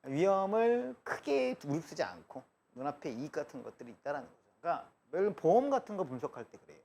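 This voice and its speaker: A man's voice: on the high side, big pitch swings, quick pace, vocal fry, darkish tone, slight background noise. A man teaching math in a live classroom lecture, chatty and joking, drifting between asides and explanation. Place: lecture room.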